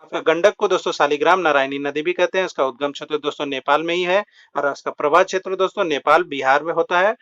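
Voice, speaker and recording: A GK quiz teacher with a slightly high, fairly bright voice talks fast with few pauses, teaching general knowledge for exam prep. He explains through rhymes and mnemonic tricks, repeating fillers like "dosto" (friends) and "theek hai" (okay). The recording is dull and lo-fi.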